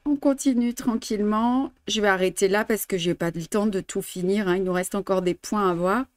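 Streaming live from an indoor studio with a blue backdrop, a woman from France in her fifties leads a chatty embroidery lesson in French-accented speech, laughing frequently and switching into English and Spanish. Her mid-range voice moves at a normal speed, with no room sound.

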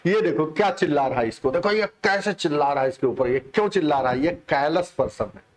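A man's voice: on the high side, animated, fairly quick. Chatty man teaching vocabulary. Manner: explains in Hindi mixing English terms, chatty and repetitive. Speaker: English teacher. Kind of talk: online exam-prep lesson.

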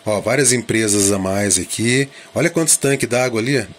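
A man with a fairly low voice talks fairly quickly through casual drone vlog commentary, thinking aloud and posing informal questions to himself. There's slight background noise.

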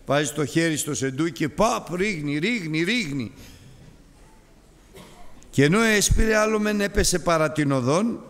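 A man delivering a sermon with a slightly higher-pitched voice. His delivery is impassioned and emphatic, building phrases through repetition and rising intensity. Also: lively intonation, few pauses, a bit bright, long reverb tail. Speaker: preacher.

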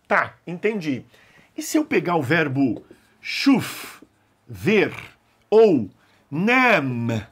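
A man with a slightly high, husky voice teaches an online language lesson. His pitch leaps around as he coaxes students to repeat after him. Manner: animated, coaxing students to repeat aloud. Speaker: Arabic teacher.

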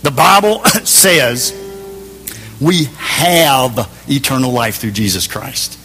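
A man preaching a sermon in a church, emphatic, moving between raised passages and hushed ones. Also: mid-range voice, takes it slowly, big-room sound, soft background music. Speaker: pastor.

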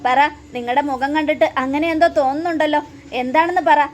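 A woman's voice: high-pitched, quick pace, a little hiss or hum, close to an everyday voice. A woman voicing an angry, suspicious young man who demands answers in an accusing way.

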